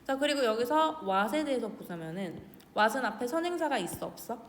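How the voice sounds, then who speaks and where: A woman teacher talking casually as she works through an English exam passage. She reads English phrases slowly, translates them, and asks questions that she then answers herself. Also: fairly high pitch, lively intonation, slight background noise. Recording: roomy, reverberant with faint ambience.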